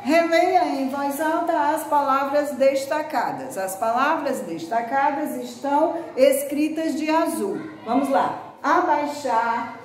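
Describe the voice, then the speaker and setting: Slow high-voiced Brazilian teacher, echoey room. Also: female voice, lively intonation. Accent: Brazilian Portuguese. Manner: patient, repeats words slowly and calls to pupils. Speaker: grammar teacher. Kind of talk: recorded grammar lesson for children. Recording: very echoey room, faint background noise.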